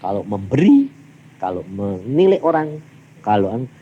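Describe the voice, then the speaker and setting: A man's voice: fairly low pitch, measured pace, slightly rough, lo-fi sound. A man with a Javanese accent preaching a sermon, telling stories and acting out both sides of each exchange. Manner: animated storytelling, acting out dialogues with big vocal swings. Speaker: evangelist preacher.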